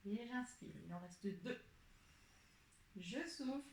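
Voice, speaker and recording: A woman guides a pilates class, calling out each inhale, exhale and movement at an unhurried pace. Her voice sits a little high. The room around her is noticeably echoey. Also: slight background noise. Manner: calm step-by-step cueing of breath and movement. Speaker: pilates instructor. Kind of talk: guiding an exercise class.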